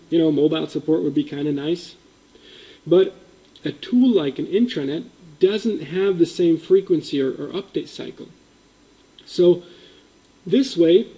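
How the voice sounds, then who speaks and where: A man who grew up in Indonesia presents at a conference in a meeting room, explaining points with emphasis and frequent ums. His voice is on the high side and warm, though the recording is rough.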